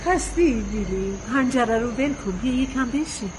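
A patient wife gently pleads for calm in a fairly high voice, voiced by a woman. Crickets chirp clearly in the night around her. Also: background noise, lightly acted. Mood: soothing.

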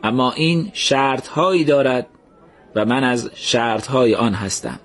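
A man voicing a calm young man who recounts words reverently and in a measured way. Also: mid-range voice, voice pushed up, lightly acted.

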